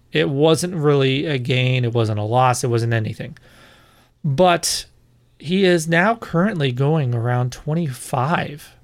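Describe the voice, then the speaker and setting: A man's voice: mid-range voice, creaky. A man giving an opinionated fantasy football breakdown in a casual, conversational monologue, correcting himself as he goes.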